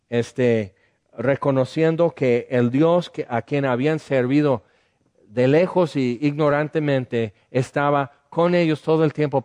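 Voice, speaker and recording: A man's voice: mid-range voice, darkish tone. A man from the United States with an American accent and English as his first language, preaching a sermon in a conversational way with many fillers and restarts. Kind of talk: sermon teaching.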